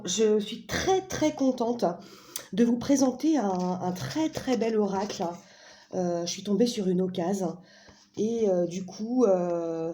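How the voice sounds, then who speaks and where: A chatty, playful woman with a mellow, warm voice talks casually to her viewers, full of fillers and self-corrections. Her pitch sits in an ordinary middle range. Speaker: vlogger presenting an oracle deck. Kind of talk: casual chat.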